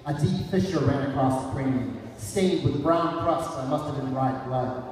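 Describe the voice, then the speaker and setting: Reading aloud from his own book, this author gives a dramatic rendition at normal speed in a medium-pitched, slightly mellow voice. The far-off microphone captures a large, very echoey elementary school hall and faint noise.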